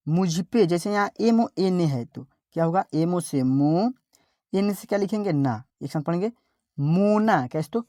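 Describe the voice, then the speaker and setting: A woman teacher, giving an online spelling lesson, sounding out letters slowly and repeating each word. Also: on the low side, animated, mellow, no echo, studio quality.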